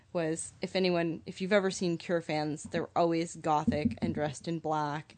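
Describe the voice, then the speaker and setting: Woman, fairly low voice, casual podcast chat, lively storyteller. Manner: animated storyteller, chatty. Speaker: podcast co-host.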